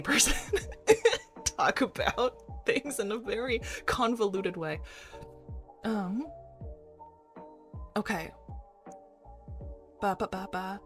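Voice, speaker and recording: A woman psychiatrist chatting casually on a live stream, talking in circles and laughing often. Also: lowish voice. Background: faint background music.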